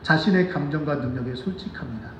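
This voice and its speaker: A man preaching a sermon as pastor, animated and asking the congregation questions, sometimes acting out children's voices. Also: fairly high pitch, fast talker, echoey room, far from the mic, a little hiss or hum, rough recording. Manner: acts out children's voices in quotes. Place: church sanctuary.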